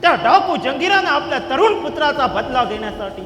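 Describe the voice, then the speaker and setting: A man's voice: very high-pitched, sing-song, a little fast, pushed and bright, full character voice. An actor playing a scheming, ruthless king in a musical stage drama, giving commanding and threatening orders. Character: scheming, ruthless middle-aged male king. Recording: echoey hall, long reverb.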